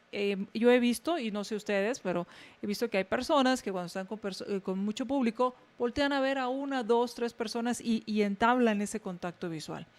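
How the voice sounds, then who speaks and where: Woman with a high voice giving speaking tips. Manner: speaks directly to listeners, frequent fillers and restarts. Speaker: radio show host giving business tips. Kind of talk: casual talk giving public speaking advice.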